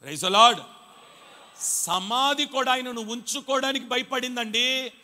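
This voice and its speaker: A male pastor preaching a Sunday sermon. He tells his story quietly, then builds to shouted calls and urges the congregation to answer him. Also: very high voice, takes it slowly. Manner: rises from quiet storytelling to shouted exhortation, urging the congregation to respond. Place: church hall. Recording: live sermon with long hall reverb.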